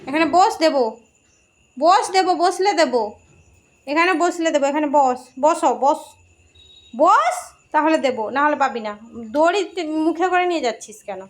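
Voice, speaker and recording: High-voiced woman coaxing her dog. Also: expressive, normal speed, pauses often. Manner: coaxing, teasing, scolding talk to a dog. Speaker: dog owner filming her pet. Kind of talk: casual home video chat. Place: home indoors.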